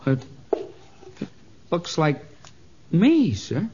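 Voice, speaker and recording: A small, superstitious club steward in a vintage radio drama. He stammers and frets, his husky voice jumping around in pitch. The recording is muffled and lo-fi. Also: wildly swooping pitch, extremely slow, mellow, full character voice. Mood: frightened. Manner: stammering, anxious, polite. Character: timid little club steward, frightened and superstitious. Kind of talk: 1940s radio acting. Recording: dull lo-fi old radio recording.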